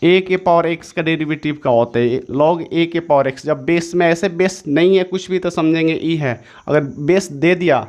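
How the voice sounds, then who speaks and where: A man's voice: fairly high pitch, moderate pace, hardly any pauses, darkish tone, lo-fi sound. A man teaching an exam-prep maths lesson, repeating each step several times and correcting himself as he goes. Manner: self-correcting, says sorry mid-explanation.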